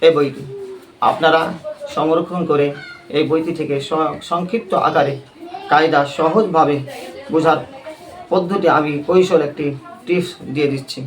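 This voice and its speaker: A man's voice: on the high side, steady tone, moderate pace, long pauses. A man teaching a Quran recitation class, quizzing the class with repeated questions and leading call-and-response.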